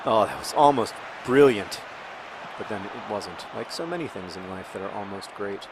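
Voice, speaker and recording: A man's voice: on the low side, lively intonation, normal speed, slight background noise. A man hosting a gaming video, chatting casually and rambling with joking asides while he plays.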